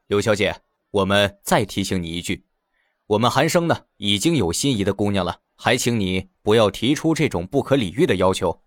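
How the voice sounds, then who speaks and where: A man's voice: lowish voice, expressive, normal speed, no room sound, clean studio sound, lightly acted. A man voicing a blunt young friend in an audiobook, firm and lecturing. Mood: scolding. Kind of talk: audiobook character voice.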